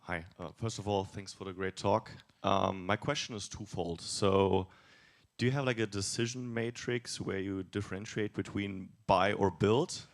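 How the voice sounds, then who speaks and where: A man's voice: on the low side, fairly even intonation, moderate pace. A man in a conference audience politely asking a direct two-part question.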